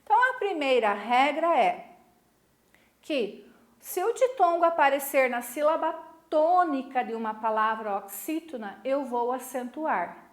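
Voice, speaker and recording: A Brazilian woman teaching a recorded middle-school lesson. She explains slowly, stretches key syllables, and keeps checking in with her students. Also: high voice, lively intonation, reverberant. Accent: Brazilian Portuguese.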